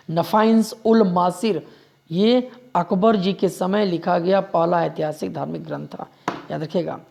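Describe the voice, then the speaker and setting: A man's voice: high-pitched, creaky, a little mellow, dull audio. A male history teacher giving an exam-prep lecture. He repeats each fact several times, keeps urging listeners to remember it, and sometimes corrects himself mid-sentence. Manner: drills facts by repeating them.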